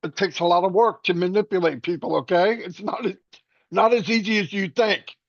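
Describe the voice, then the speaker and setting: A man on a webinar telling a story in a casual, animated way, acting out the voices he quotes and restarting often. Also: high voice, brisk, no echo, muffled recording.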